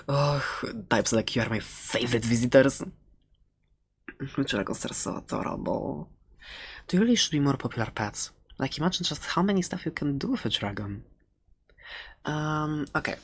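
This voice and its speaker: In a soft-spoken ASMR roleplay, a performer plays a chatty, excitable dragon-egg shopkeeper and adventurer who rambles playfully with a touch of sarcasm. The mid-range voice moves at a moderate pace with a breathy edge, sounding excited and playful.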